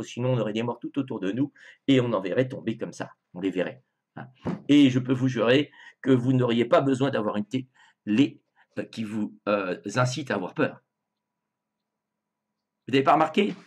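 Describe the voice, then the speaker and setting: Male host, mid-pitched, halting delivery with lots of filler sounds, slips into indignant asides. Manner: hesitant, many filler sounds and restarts. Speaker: video host commenting on song lyrics. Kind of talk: casual spoken commentary.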